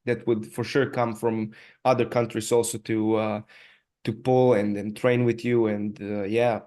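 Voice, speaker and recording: A man from Serbia with a Serbian accent, hosting a casual podcast interview in halting speech full of restarts. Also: on the low side, flat delivery, warm tone. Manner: halting, many restarts and fillers. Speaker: podcast host.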